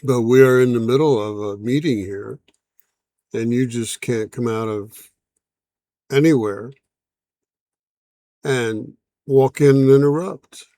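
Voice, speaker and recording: Flustered male president, polite but firm, slow and close, a man reading the part. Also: mid-range voice, dark tone, no echo. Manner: polite, bureaucratic objections.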